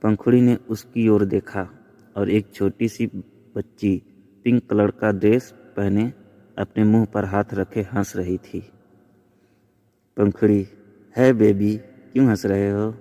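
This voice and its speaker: A man narrating a scripted story in a measured, plain storytelling manner. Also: lowish voice, flat delivery, mellow. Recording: long reverb.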